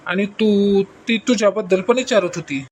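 A woman plays a sheepish, stammering husband in a comic skit, a bumbling middle-aged man who is evasive and tries to placate. Her medium-pitched voice has a darkish tone and runs at normal speed, lightly acted, with a little hiss or hum in the recording. The delivery is hesitant and stuttering.

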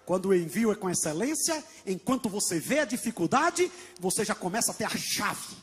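A Brazilian pastor preaches with a Brazilian Portuguese accent, shouting and half-singing his key phrases. His voice sits very high for a man. His pitch leaps around dramatically from phrase to phrase. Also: big pitch swings, brisk, slightly rough. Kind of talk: impassioned Pentecostal sermon.

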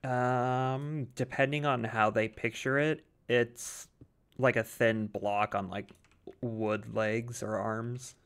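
A man's voice: medium pitch, steady tone, slow pace, fairly bright tone, clear, resonant tone. A man hosting a gaming channel, chatting casually and joking with a friend while they play a modded game, chuckling often.

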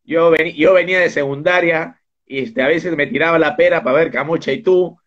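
A man hosts a relaxed interview over a video call, chatting freely and wandering into asides. His voice sits a little high for a man, and the audio comes through dull and lo-fi. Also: a little fast. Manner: chatty, jumps between topics with asides. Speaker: interviewer and host. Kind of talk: casual online interview.

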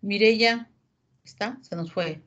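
Her mid-range voice comes through with the highs cut off as she teaches English on a video call. Patient and slow in her explanations, she calls on students and blends Spanish and English.

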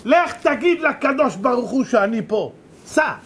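A man's voice: very high-pitched, expressive, slightly rough, exaggerated voice. A man playing a stern, fearless old sage who scolds and gives orders. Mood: scolding. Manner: commanding, scolding.

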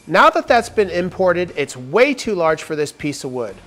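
With faint music behind him, a woodworking host in his forties talks through a step-by-step tutorial on a lapel mic in a spacious wood-walled workshop. His high, fairly bright voice has a sing-song quality at normal speed. His delivery is upbeat, with emphatic sentence openers.

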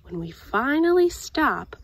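A woman with a high voice reads a children's picture book aloud at story time, using an expressive, deliberate storytelling manner.

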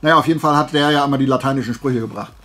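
A man rattles off rapid-fire, colloquial stories in his flea market haul vlog, acting out bits of dialogue over faint music. His medium-pitched voice is a bit bright, and his throat sounds dry and worn from days of talking.

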